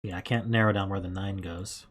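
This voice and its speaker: A live streamer works through a puzzle while thinking aloud, musing in self-questions and correcting themself in casual commentary. The voice is low and steady, with a brisk pace.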